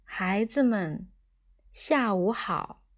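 A woman's voice: medium pitch, expressive, very slow. A woman voicing a ship's computer with a bossy motherly persona, sugary and scolding in an audiobook reading.

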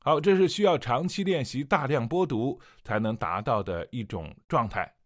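A man teaching audiobook narration in a clear, explanatory way, driving home his main advice by repeating it. His pitch moves in a lively way through each sentence. The sound is close and dry, with no room around it. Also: normal speed, dry recording. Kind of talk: voice-acting lesson.

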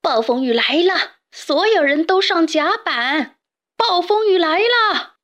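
A woman voicing a manic male cormorant who shouts drawn-out orders like a ship captain in a children's storybook. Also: very high voice, lively intonation, pitched above the performer's own voice, heavily acted. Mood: frenzied shouting.

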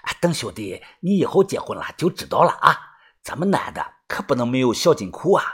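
A man's voice: sits high, big pitch swings, normal speed, slightly rough, pitched above the performer's own voice, full character voice. A man doing a sly cheeky young man. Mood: conspiratorial. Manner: sly, whispery, conspiratorial. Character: sly eighteen-year-old boy, cheeky and secretive.

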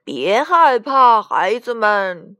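A solemn old ghost, put on by a woman reading a storybook, speaks in a slow, booming, commanding way. The delivery swoops widely in pitch and stays high. It is recorded close and dry. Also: big pitch swings, bright, forceful tone, clear, resonant tone, no echo, heavily acted. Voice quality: deep. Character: old ghost uncle, grand legendary storyteller.

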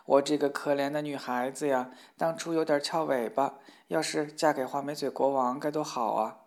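A man voicing a proud, scornful young princess in a storybook reading, raising his voice higher for her. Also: steady tone, normal speed, close to an everyday voice. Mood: plaintive. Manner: scornful, later plaintive. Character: haughty mocking young princess.

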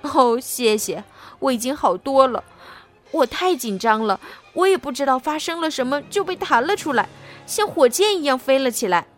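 A woman's voice: sits high, expressive, normal speed, faint music behind. A woman voicing a feeble, frightened lizard servant near tears. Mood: weak, shaken. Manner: faint, shaky and hesitant. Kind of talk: storybook reading.

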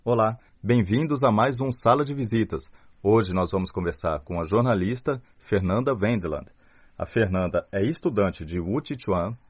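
Brazilian guy interviewer, low voice, chatty questions, slightly muffled recording. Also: husky. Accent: Brazilian Portuguese. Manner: inquisitive, echoes answers back. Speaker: interview host. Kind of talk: relaxed conversational interview.

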